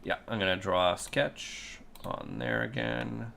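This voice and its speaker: Very gravelly, slow-talking sleepy man. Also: low-pitched, sing-song, fairly bright tone, a little hiss or hum. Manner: mutters to himself, repeats words like cool and yep. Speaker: designer working through a 3D model. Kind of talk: thinking aloud while working on a computer.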